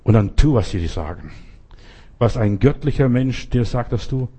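A man delivers an urgent sermon in a dark, mellow voice. He speaks straight to the listener and hammers the same points over and over. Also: mid-range voice, expressive, moderate pace, breathy edge. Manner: exhorting, repetitive, addresses listener directly. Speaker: preacher.

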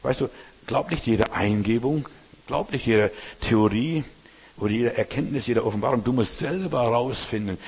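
A man's voice: medium pitch, normal speed, husky. A man preaching a sermon as pastor, talking plainly and colloquially and turning straight to the listener again and again. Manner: colloquial, addresses listener directly with "weißt du". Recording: long hall reverb.

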